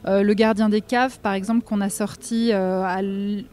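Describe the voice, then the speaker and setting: A woman interviewed about publishing her games, relaxed, with fillers and acted-out quotes. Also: mid-range voice, normal speed, clean tone. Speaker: game designer guest. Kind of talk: casual interview talk.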